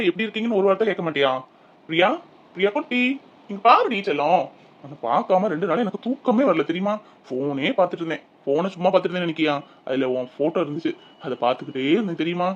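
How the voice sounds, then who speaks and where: Man doing a coaxing young husband, high lively voice, pleading, dull lo-fi sound. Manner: pleading, sweet-talking. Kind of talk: Tamil audio drama.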